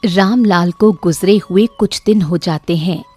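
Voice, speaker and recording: Mellow woman narrating a storybook. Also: fairly low pitch, measured pace, slightly rough, faint music behind. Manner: steady, even storytelling.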